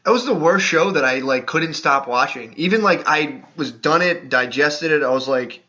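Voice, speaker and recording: A man co-hosting a podcast, reacting with swearing and laughter, recorded at a low sample rate through a laptop so he sounds tinny. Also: normal speed. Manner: loud, profane reactions, cracking up. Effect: low sample rate, tinny laptop audio. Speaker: podcast co-host. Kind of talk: casual chat. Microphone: laptop built-in mic.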